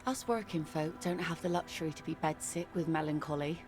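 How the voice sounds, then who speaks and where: A woman playing a hardened middle-aged widowed fisherwoman in a video game, talking like an old sailor, dry, blunt and gravelly. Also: low voice, steady tone, fairly quick, over music, natural voice. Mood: blunt, matter-of-fact. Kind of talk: video game character dialogue.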